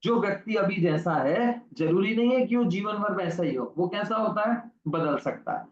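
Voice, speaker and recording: A man's voice: sits high, lively intonation, normal speed, echoey room, muffled recording. A man teaching a religious lesson to children, telling a story and asking questions he answers himself. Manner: asks the class questions and answers them himself. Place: online class recording.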